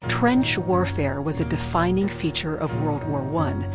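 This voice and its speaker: A woman reading a scripted radio promo in a smooth way. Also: low-pitched, unhurried, music in the background. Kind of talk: promo read.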